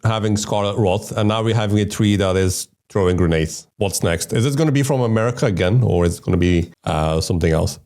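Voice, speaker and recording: A man streaming casual reaction commentary, talking in a halting, hesitant way and repeating his words. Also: lowish voice, a little mellow. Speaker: VTuber streamer reacting to a video.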